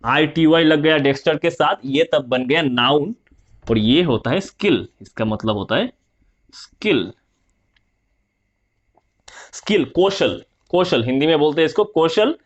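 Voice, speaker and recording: A man teaching a vocabulary lesson, repeating and spelling out words slowly and answering his own questions. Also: fairly high pitch, animated, lo-fi sound. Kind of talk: Hindi vocabulary lesson, explaining word roots.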